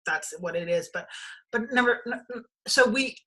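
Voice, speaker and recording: A woman from Denmark hosting a spiritual podcast interview, talking in a halting way with many restarts and fillers. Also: a little high, sharp tone. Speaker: podcast host. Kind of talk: casual conversational interview.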